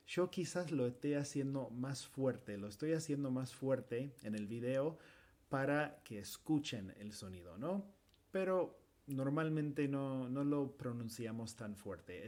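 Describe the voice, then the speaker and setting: A man's voice: mid-range voice, darkish tone. An American man whose first language is English, teaching English pronunciation in Spanish and carefully demonstrating sounds and repeating example words. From United States.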